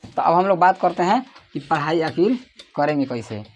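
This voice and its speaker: A Bihari coaching teacher from Bihar, India, quizzes his class in Bihari-accented Hindi, his fairly high, animated voice moving at a moderate pace. He calls out questions for the students to answer in chorus, sometimes raising his voice almost to a shout in the classroom.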